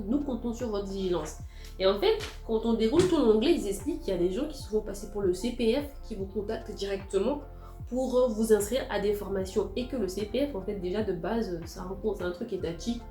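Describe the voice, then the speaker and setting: A woman vlogger telling a story in an animated, slangy, indignant way. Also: medium pitch. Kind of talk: storytime vlog. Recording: roomy echo.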